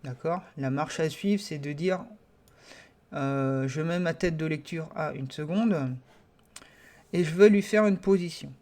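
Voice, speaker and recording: Voici un homme qui enseigne un logiciel dans un tutoriel enregistré sur écran. Sa voix est légèrement aiguë pour un homme. Il a un français, il hésite souvent et il décrit chaque clic au fur et à mesure. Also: male voice, on the high side, unhurried, darkish tone. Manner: hesitant, many fillers, talks through each click. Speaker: software tutorial teacher. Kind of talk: screen-recorded software tutorial.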